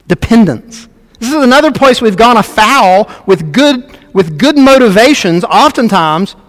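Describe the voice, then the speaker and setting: Pastor, male, higher voice, emphatic earnest sermon delivery, long hall reverb. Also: fairly bright tone. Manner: earnest, emphatic preaching with repetitions.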